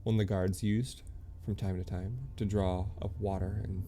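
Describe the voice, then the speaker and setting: A man streaming a game, reading its lore aloud in a halting way, often stumbling and correcting himself. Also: sits low, flat delivery, dark tone, faint music behind.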